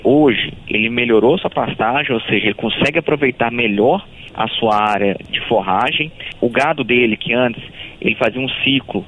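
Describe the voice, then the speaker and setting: A man's voice: mid-range voice, moderate pace. A man with a Brazilian accent explaining things in interview answers as an agricultural advisor. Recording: tinny phone-like radio line.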